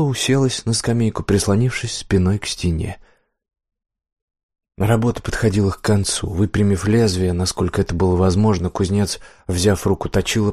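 A man narrating a story as an audiobook, in a measured, even telling. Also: sits low, no room sound, clean studio sound.

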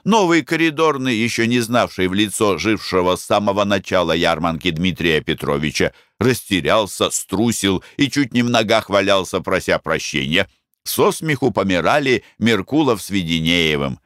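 A man narrating a classic novel as an audiobook in a measured, expressive reading. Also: sits low, no echo, clean studio sound. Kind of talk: scripted literary narration.

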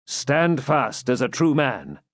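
A man voicing an armored knight who answers threats with calm, mocking courtesy. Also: medium pitch, slow, no room sound, studio quality. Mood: teasing. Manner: composed, mildly mocking.

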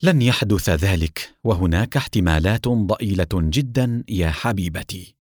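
A man voicing a gentle, worried father who speaks quietly and tries to reason and comfort. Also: deep voice, lively intonation, normal speed, no echo, studio quality, voice pushed down. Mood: soothing.

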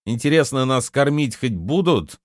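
A man's voice: expressive, normal speed, no echo, clean studio sound, close to an everyday voice. A man voicing a plump young female servant who whines and shrieks in panic, in a storybook reading. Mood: hungry whining. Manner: shrill, squealing when scared.

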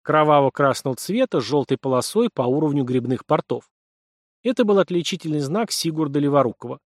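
A man narrates a novel in steady scripted storytelling. His voice sits a little above the usual male range, and the recording is dry and close with no room sound. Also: on the high side, dry recording. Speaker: audiobook narrator.

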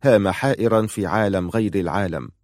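A man narrating a novel in a calm, measured reading voice, voicing the dialogue quietly. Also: on the low side, dry recording, clean studio sound. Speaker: audiobook narrator.

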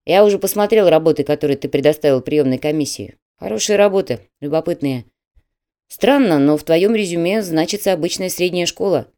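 A woman's voice: on the low side, mellow, natural voice. A woman doing a stern official manager. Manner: brisk, official, mocking. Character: stern middle-aged male admissions manager.

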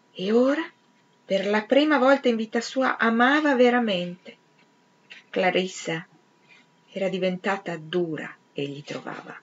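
Female reader, mid-pitched, measured literary audiobook delivery, slightly muffled lo-fi sound. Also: a little hiss or hum. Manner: measured, expressive, dropping to a whisper at times. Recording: slightly dull, lo-fi recording.

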